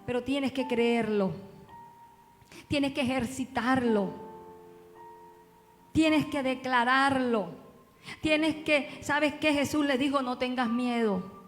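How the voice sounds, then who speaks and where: A woman's voice: sits high, slow, pauses often. A woman pastor preaching a sermon, asking her congregation one rhetorical question after another. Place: church. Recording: long reverb with faint music.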